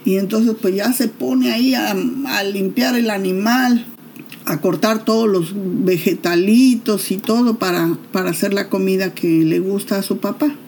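A woman's voice: mid-range voice, measured pace, a little mellow, slight background noise. A woman retelling a Bible story in a chatty, casual way, with asides and filler tags.

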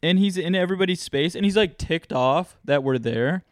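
Animated, laughing man telling a story. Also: high voice, moderate pace, dry recording, studio quality. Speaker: podcast co-host. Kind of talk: casual chat, storytelling.

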